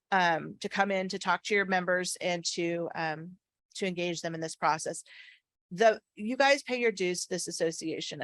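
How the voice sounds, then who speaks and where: A woman's voice: lowish voice, no echo. Earnest woman, slightly slurred by a retainer. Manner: earnest, emphatic, repeats key phrases. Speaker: association government affairs staff speaker. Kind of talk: persuasive talk to a meeting.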